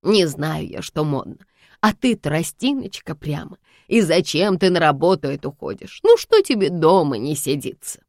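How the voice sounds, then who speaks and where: A fussing, superstitious old housekeeper, voiced by a woman in a storybook reading. She clucks and worries emphatically. The voice sits low and is recorded dry and close. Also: big pitch swings, moderate pace, a little mellow, dry recording. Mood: fretting.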